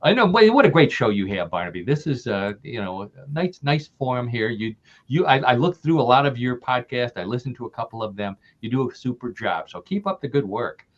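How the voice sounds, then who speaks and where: Expressive and a little fast, with a medium-pitched voice, this older Midwestern man is a guest author in a casual podcast interview. He laughs frequently and repeats himself, and the recording sounds dull and lo-fi.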